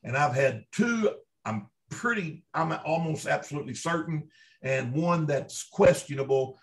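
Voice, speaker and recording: A man with a Kentucky accent appears as an interview guest, a Bigfoot researcher telling first-hand stories. His fairly high, animated voice is unhurried, and he's folksy and emphatic, repeating himself to drive points home.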